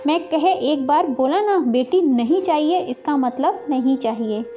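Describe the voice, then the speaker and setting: A woman plays a stubborn, hot-tempered husband in a moral storybook tale. The voice stays high and mellow. He argues bluntly and raises his voice. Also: lively intonation, measured pace. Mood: angry. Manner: stubborn, shouting. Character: stubborn angry husband, middle-aged man.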